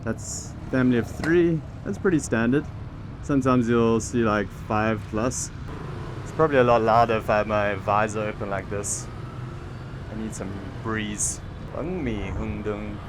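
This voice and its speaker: Speaking a little slowly in a voice on the low side, a vlogger who founded a teaching program rides through city traffic on his motorbike. He talks to the camera in a relaxed, chatty way, thinking aloud and restarting, over background traffic noise.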